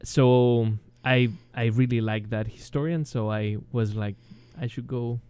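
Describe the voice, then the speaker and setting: Slow, hesitant Chilean-accented man. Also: medium pitch, fairly even intonation, clear, resonant tone. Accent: Chilean Spanish. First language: Spanish. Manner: hesitant, many ums and restarts, chuckles softly. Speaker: guest. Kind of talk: interview, casual chat.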